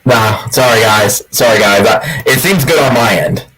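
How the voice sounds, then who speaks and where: A man's voice: medium pitch, moderate pace, sharp tone, husky. A man hosting a casual livestream, his voice tinny and muffled like talking into a tin can through a faulty mic, easygoing and apologetic. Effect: tinny muffled sound, like talking into a tin can, from a faulty mic. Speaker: livestream host. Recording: thin distant faulty headset mic.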